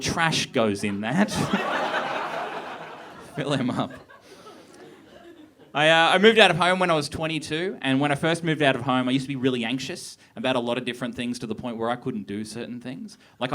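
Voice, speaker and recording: A young man doing a stand-up set on a theatre stage, with a deadpan, awkward, self-deprecating delivery. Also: mid-range voice, a little hiss or hum. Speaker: stand-up comedian. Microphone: handheld stage mic. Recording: live theatre with crowd laughter. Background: audience laughter.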